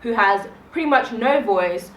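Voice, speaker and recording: A woman's voice: fairly high pitch, animated, unhurried, fairly bright tone, muffled recording. A woman in a casual group discussion, talking emphatically and growing insistent as she argues her point. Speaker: discussion panelist. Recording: roomy echo, mic at a distance.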